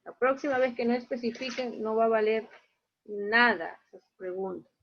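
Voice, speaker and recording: A woman's voice: fairly high pitch, normal speed. Teacher lady reading out grades in an online class, plain and matter-of-fact, muffled call audio. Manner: explains grading step by step, plain and matter-of-fact.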